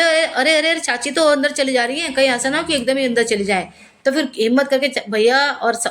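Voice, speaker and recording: A woman telling a spooky first-person story, acting out the voices of the people in it. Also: fairly high pitch. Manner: lively retelling with voiced quotes.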